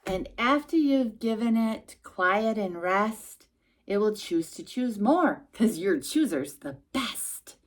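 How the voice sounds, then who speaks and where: A storytime host reads a rhyming picture book aloud to a young child, expressive and emphatic, adding little asides to the listener. Her voice is medium-pitched and slow.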